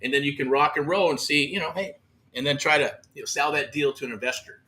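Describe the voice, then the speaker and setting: A Southern California man with a high, bright, forceful voice talks fast. Outdoors in the heat, he hosts an upbeat, repetitive real estate livestream as a mentor, packed with pep-talk slang.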